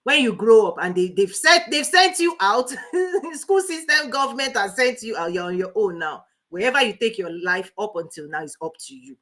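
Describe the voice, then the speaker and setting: A woman hosting a motivational livestream as a life coach, talking fast and emphatically, repeating key points and greeting viewers by name. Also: on the high side, very animated, a bit bright. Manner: speaking fast.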